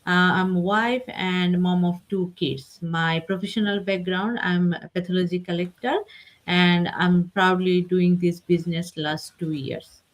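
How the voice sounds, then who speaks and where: A woman from Bangladesh speaking politely and in a measured way as a guest on an online panel. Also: lowish voice, steady tone. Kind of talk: online group discussion.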